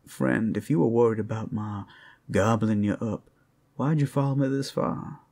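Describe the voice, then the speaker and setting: In an intimate ASMR roleplay, a man plays a friendly, flirty werewolf who teases one listener with smooth talk. He speaks at normal speed in a fairly low, mellow voice.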